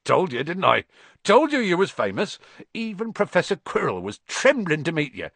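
A big, good-natured giant with rough, homely speech, put on by a man. His voice swings from booming to low and confiding. The recording is dry and close. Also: wildly swooping pitch, normal speed, fairly bright tone, no echo, full character voice. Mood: hearty. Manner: hearty, colloquial, blunt. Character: huge, friendly male groundskeeper giant.

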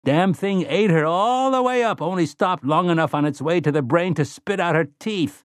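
A man voicing a gleeful, mocking man who drawls his taunts slowly. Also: fairly high pitch, huge pitch swings, darkish tone, no echo, clean studio sound, pitched above the performer's own voice, heavily acted. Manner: sneering, drawn-out.

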